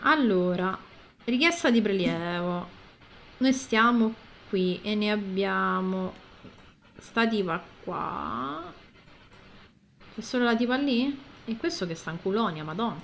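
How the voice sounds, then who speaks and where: A woman's voice: medium pitch, lively intonation, slow pace, gravelly, a bit bright, slight background noise. A woman with an Italian accent playing a story game, reading its text aloud and commenting wryly, with light swearing. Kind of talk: casual gameplay commentary with narration.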